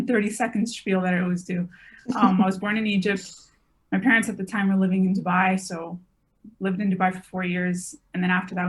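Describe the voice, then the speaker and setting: A woman in her twenties talks as a guest on a podcast. She rambles casually, circling back on herself and filling gaps with "like" and "um". Her voice sits at an ordinary middle pitch. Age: 20s. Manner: chatty, rambling, many "like" fillers. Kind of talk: casual conversation.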